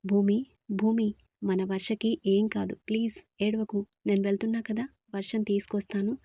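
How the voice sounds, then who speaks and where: A woman's voice: mid-range voice, little pitch movement, normal speed, dark tone, slight background noise, lightly acted. Woman voicing a worried young father. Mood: reassuring. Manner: urgent, reassuring.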